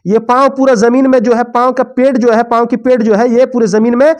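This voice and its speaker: A woman teaching how to pray. She checks in with listeners often, repeats each step and asks it back, recites the Arabic prayer words slowly and drawn out, and moves through the prayer postures as she talks. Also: on the high side, level tone, darkish tone. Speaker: religious teacher. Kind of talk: prayer instruction with demonstration.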